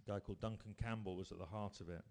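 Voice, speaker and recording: A man preaching a sermon, telling stories with emphatic rises and quiet drops. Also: lowish voice, steady tone, racing. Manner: storytelling, rising to emphatic bursts then dropping quiet.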